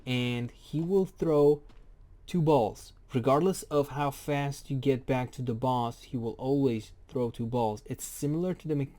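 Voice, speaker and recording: A man's voice: medium pitch, measured pace, warm tone. A man casually explaining a game boss fight, rambling and jokey, often correcting himself. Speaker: game guide creator. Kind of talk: casual spoken game tutorial.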